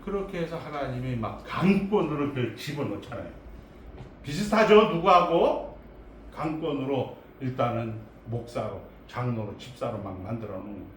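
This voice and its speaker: A man's voice: medium pitch, lively intonation, normal speed, a little hiss or hum. A male pastor preaching a sermon, asking rhetorical questions and adding comic asides. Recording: echoey church hall, distant mic.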